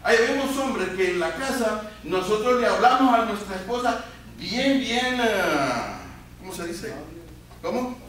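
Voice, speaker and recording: High-voiced preacher in a booming echoey church. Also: male voice, lively intonation, unhurried. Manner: call-and-response questions to the congregation; swings between loud emphatic peaks and quiet low asides. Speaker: pastor. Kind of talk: sermon. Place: church sanctuary. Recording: very echoey church hall, voice from far off, faint hiss.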